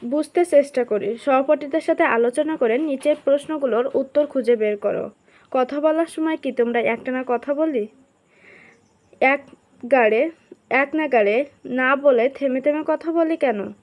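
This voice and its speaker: High-voiced woman teaching online. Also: unhurried, a little mellow. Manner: reads questions aloud, then answers them in short, spaced phrases. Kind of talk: online class lesson, reading and explaining a textbook.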